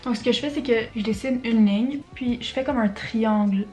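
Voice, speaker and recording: A woman's voice: fairly high pitch, normal speed, mellow. A young woman with a Quebec French accent chatting casually at home as she gets ready, dropping English slang and swear words. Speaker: beauty vlogger. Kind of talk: casual get-ready-with-me chat. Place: at home in front of a mirror. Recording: roomy echo, faint music.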